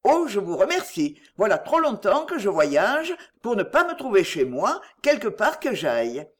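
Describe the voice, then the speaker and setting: A narrator voicing a brisk, commanding lady of the house who speaks with matter-of-fact authority, in an audiobook reading. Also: medium pitch, wildly swooping pitch.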